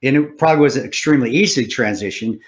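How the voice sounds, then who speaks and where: A man's voice: mid-range voice, fast talker. Profane, rambling man hosting a podcast. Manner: profane, rambling storytelling with many restarts. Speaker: podcast host. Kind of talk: casual interview conversation.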